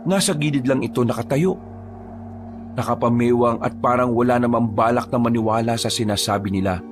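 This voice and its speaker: A man tells a horror story in a steady, measured voice of ordinary pitch. Faint music plays beneath his narration.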